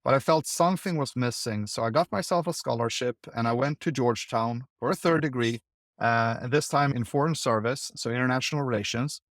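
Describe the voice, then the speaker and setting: Man from Sweden, interview guest, thoughtful, stop-start phrasing, mid pitch, dry sound. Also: no echo. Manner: thoughtful, halting with repeated words. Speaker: guest, investor. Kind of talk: conversational interview.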